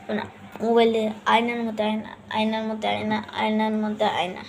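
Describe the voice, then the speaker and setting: Young female vlogger, higher voice, flat delivery, rambling casual chat, faint noise behind. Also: quick pace. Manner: chatty, rambling, counts numbers aloud. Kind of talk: casual vlog chat to viewers.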